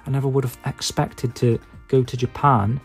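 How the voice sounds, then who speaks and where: A man's voice: mid-range voice, level tone, normal speed, soft background music. A man with a Stoke-on-Trent English accent chatting casually to his viewers, rambling in a hesitant, self-deprecating way with lots of filler phrases. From England. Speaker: YouTube video maker and podcaster.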